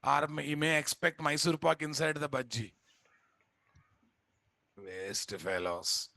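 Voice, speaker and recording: A man's voice: a little high, level tone, fairly quick, vocal fry, bright, forceful tone, no room sound. A man with a Telugu Indian accent lecturing an online class informally and bluntly, repeating himself and tossing out rhetorical questions. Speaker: software instructor. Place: indoors at a computer, live screen-share class.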